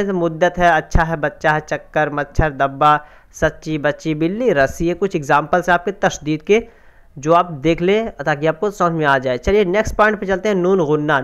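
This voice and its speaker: Smooth-voiced man teaching grammar. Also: sits high, fairly bright tone. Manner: explains step by step, asks and answers own questions. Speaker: Urdu language teacher. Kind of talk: exam prep grammar lesson.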